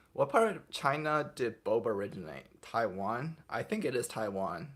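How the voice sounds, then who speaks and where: A young man runs a laid-back livestream, reading out viewers' chat comments and replying on the spot in an easygoing way. His voice sits in the mid range and he talks at a normal speed.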